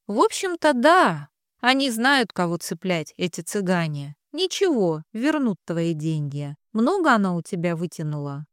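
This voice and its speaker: A woman's voice: lowish voice, very animated, normal speed, smooth, no echo, clean studio sound. Woman playing a wry, world-weary police captain. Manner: matter-of-fact, lecturing, wry.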